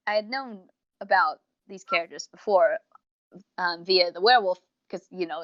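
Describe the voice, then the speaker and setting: A talkative young woman with a medium-pitched voice co-hosts and reviews on a podcast, rambling through a casual fan discussion. She retells things animatedly, acting out quotes along the way. The recording is dry, dull and lo-fi.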